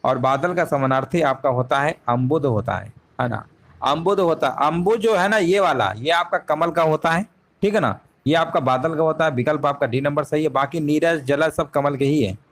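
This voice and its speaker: A man's voice: fairly high pitch, moderate pace. Man teaching an online exam class. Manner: explains step by step, repeats answers, asks rhetorical questions.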